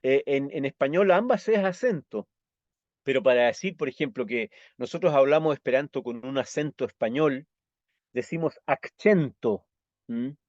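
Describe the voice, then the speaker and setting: A man's voice: medium pitch, animated, a little mellow, no echo. Chilean male teacher, patient explainer, muffled dry recording. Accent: Chilean Spanish. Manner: patient, checks understanding with quick tag questions. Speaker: Esperanto teacher. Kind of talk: explanatory lesson with slides.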